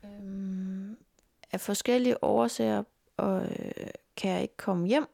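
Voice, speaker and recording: A young woman recounting her life in an interview, earnest and halting, speaking indoors at her grandparents' home. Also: medium pitch, fairly even intonation, vocal fry, dark tone, no echo, clean studio sound. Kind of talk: personal life story interview.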